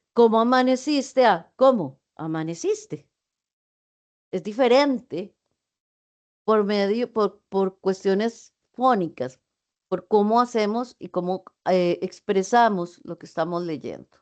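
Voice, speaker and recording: A woman's voice: medium pitch, measured pace, darkish tone. A woman in an online class meeting, explaining writing to her students in a patient, explanatory way with frequent fillers and self-corrections. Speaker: university teacher.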